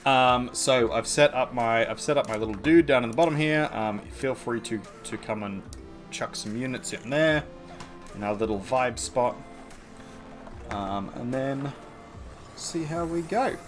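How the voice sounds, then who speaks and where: A man's voice: medium pitch, measured pace, soft background music. An Australian man chatting casually to his live-stream viewers as an art streamer, rambling with lots of ums and restarts.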